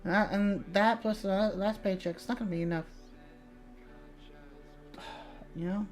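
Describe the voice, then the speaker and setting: A woman's voice: medium pitch, fairly even intonation, normal speed. A young woman VTuber chatting casually on a livestream, reading chat and swearing freely, with light music behind. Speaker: VTuber streamer.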